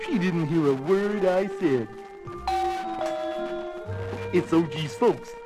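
An actor playing a friendly cartoon gorilla babysitter who tells a children's bedtime story in an expressive, folksy manner, with music behind him. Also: male voice, a little high, slow. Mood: chatty. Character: friendly pet-shop gorilla babysitter telling a bedtime fairy tale. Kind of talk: animated children's storybook narration.

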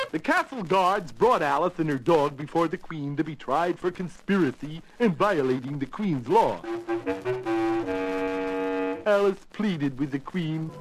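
Friendly gorilla babysitter, animated children's storyteller, folksy and expressive, music underneath. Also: male voice, on the high side, poor audio. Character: friendly pet-shop gorilla babysitter telling a bedtime fairy tale. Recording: music behind the voice.

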